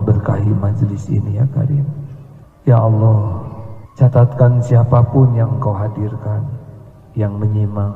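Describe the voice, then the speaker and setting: A man's voice: fairly low pitch, creaky. A man preaching a humorous radio sermon and intoning Arabic prayers. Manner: humorous, teasing the congregation. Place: radio studio mosque program. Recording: phone-like echoey radio broadcast.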